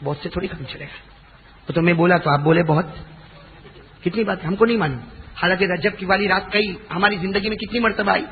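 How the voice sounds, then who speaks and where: A man preaching a devotional sermon who chants verses in a slow, drawn-out melody and urges the audience to answer him aloud. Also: high-pitched, narrow, tinny audio, slight background noise. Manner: calls on the audience to respond aloud.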